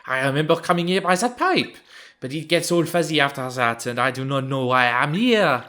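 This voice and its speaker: A man's voice: on the high side, expressive, sharp tone. A man putting on an exaggerated French accent to voice a fussy, bewildered Frenchman from a video game. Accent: fake French. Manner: exaggerated put-on accent, slow and puzzled.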